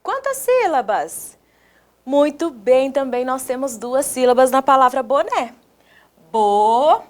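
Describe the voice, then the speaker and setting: High-voiced Brazilian teacher sounding out syllables. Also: female voice, expressive. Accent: Brazilian Portuguese. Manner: slow, exaggerated syllable-by-syllable pronunciation with questions to the viewers; sing-song, encouraging teacher talk. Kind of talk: recorded classroom video lesson for young children.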